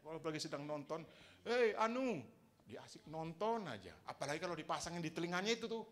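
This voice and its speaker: A man's voice: fairly high pitch, expressive, very fast, fairly bright tone. A man preaching a sermon to his congregation in a conversational way, teasing them with questions and laughing along.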